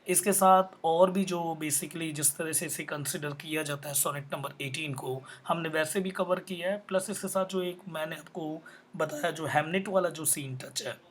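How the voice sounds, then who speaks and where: A man's voice: fairly high pitch, fairly bright tone. A man giving a literature lesson, explaining terms step by step, putting questions to the class and answering them himself. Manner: mixes in English terms, spells words out letter by letter. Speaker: literature teacher. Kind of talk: explanatory lecture.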